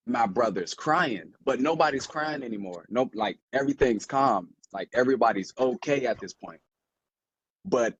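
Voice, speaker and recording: A man's voice: mid-range voice, a bit bright, slightly rough, dry recording. A young man, telling a heartfelt personal story in a rambling, casual way full of fillers. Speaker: podcast co-host. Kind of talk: casual conversation.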